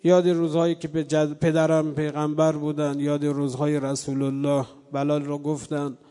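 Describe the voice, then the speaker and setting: A man preaching a mourning sermon to a live gathering indoors. He moves between soft storytelling and loud, drawn-out chanted lament. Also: a little high, monotone. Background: live congregation.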